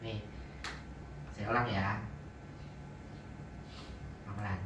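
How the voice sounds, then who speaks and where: A man's voice: lowish voice, flat delivery, slow, fairly bright tone. A male Arabic teacher patiently drilling phrases for his students to repeat. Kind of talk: online Arabic grammar class. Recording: echoey, distant, dull lo-fi sound with faint noise.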